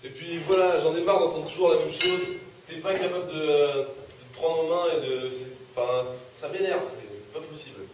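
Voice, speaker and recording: A young man in a student sketch, playing an exasperated father who scolds his son loudly. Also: fairly high pitch, very animated. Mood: angry. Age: young adult. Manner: loud and scolding, quick speech. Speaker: student actor. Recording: echoey room, distant mic, noisy.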